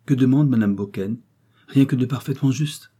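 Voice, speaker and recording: A man voicing a clever, gracious young society woman in an audiobook, speaking smoothly and persuasively. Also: mid-range voice, normal speed, warm tone, pitched above the performer's own voice, lightly acted.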